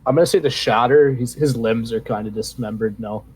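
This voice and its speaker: A man's voice: medium pitch, a little fast, darkish tone, a little hiss or hum, low-quality recording. A man running a tabletop game as game master, narrating with hesitant fillers.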